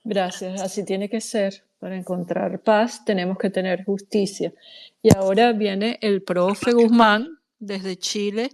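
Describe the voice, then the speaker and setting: A woman hosting a talk show who hands the mic over softly. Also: medium pitch, fairly even intonation, unhurried. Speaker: host.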